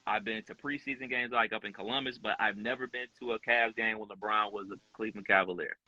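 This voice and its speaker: A man in casual podcast chat, telling profane, animated stories and acting out quotes. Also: lowish voice, fast talker, no echo. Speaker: podcast speaker. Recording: dull lo-fi sound.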